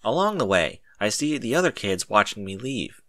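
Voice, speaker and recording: This first-person story comes from a man who narrates dramatically at a normal speed. His voice is bright and fairly low, rising and falling with lively pitch, and the close, dry sound carries no room noise.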